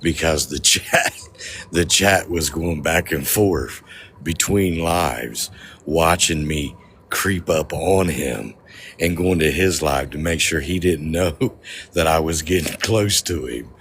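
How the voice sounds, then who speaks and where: A man's voice: very deep voice, takes it slowly, a bit bright, slight background noise. A man telling a story outdoors in a cemetery at night, joking, swearing and laughing often as he talks to his livestream audience. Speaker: paranormal vlogger.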